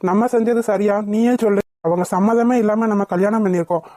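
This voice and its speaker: A woman's voice: medium pitch, steady tone, fast, dark tone, no echo, lightly acted. A woman voicing a young husband in a cartoon, who talks to his wife in a coaxing, reassuring way. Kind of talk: cartoon voice acting.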